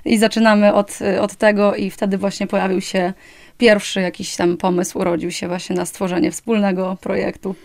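A woman's voice: mid-range voice, little pitch movement, moderate pace, creaky, dry recording. A young adult female singer speaking in an interview, telling her story in long flowing sentences. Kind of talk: casual interview talk.

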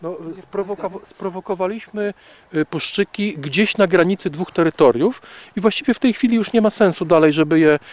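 A man guiding a night walk in the forest, calmly explaining owl behavior to a group with fillers and repeats. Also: high voice, moderate pace. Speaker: naturalist guide on a night walk.

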